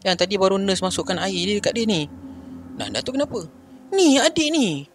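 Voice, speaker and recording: A man's voice: sits high, very animated, a little fast, a little hiss or hum, voice pushed up. A man putting on an anxious young mother. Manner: worried, pleading.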